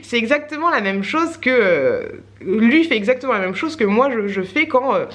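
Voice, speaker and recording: A woman's voice: on the high side, very animated, moderate pace, a bit bright. A woman vlogger in her thirties, chatting casually to camera in a rambling way with lots of fillers and little laughs.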